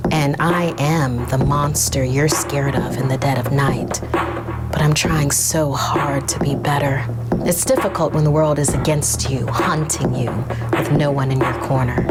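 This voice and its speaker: A woman narrating as a haunted young man who is a werewolf, telling his horror story in a measured, solemn way. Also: low-pitched. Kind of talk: scripted first-person horror narration. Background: music.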